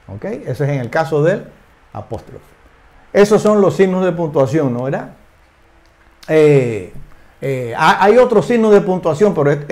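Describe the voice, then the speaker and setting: A man's voice: on the high side, darkish tone. Older man teaching English in Spanish. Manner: repeats phrases, frequent tag questions, slow careful English examples. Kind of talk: explaining English lesson in Spanish.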